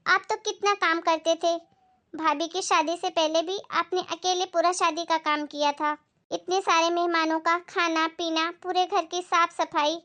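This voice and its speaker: A woman as a young newlywed daughter in a family skit. She is outspoken and quick to complain, with a very high voice. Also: bright, forceful tone. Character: young married daughter visiting her mother.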